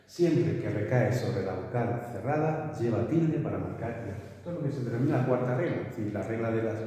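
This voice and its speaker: A man's voice: medium pitch, a little fast. Man teaching in an echoey room. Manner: explanatory, frequent checking tags, lively emphasis. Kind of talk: spelling lesson to a class. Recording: echoey room from far off, faint noise.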